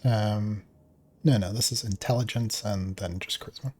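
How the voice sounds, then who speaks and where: A man running a tabletop game as game master, narrating in a relaxed, hesitant way with many fillers. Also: lowish voice, normal speed, husky.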